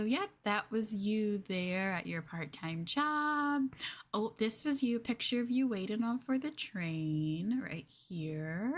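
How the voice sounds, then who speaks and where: A woman with a mid-range voice plays a clingy, lovestruck yandere girlfriend in an ASMR roleplay. She's soft, coy and doting, hesitant and flustered in her speech, with a fond, reminiscing mood.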